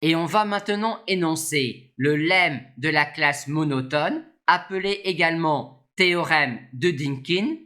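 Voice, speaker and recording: A lecturer giving a scripted maths explanation in a measured, formal manner. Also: mid-range voice, pushed and bright. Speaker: mathematics lecturer.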